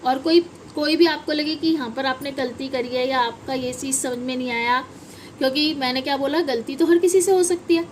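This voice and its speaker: A woman's voice: high-pitched, steady tone, fairly quick, a little hiss or hum, low-quality recording. A woman teaching English pronunciation in a patient classroom manner, asking questions and answering them herself. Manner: patient, addresses viewers as children, asks and answers her own questions. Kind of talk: classroom-style lesson at a whiteboard.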